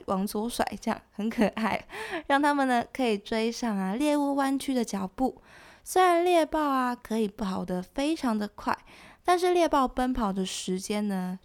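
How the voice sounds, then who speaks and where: A woman giving scripted nature documentary narration as a presenter, explaining things in a conversational way with soft sentence particles. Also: a little high. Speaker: presenter of an animal education show.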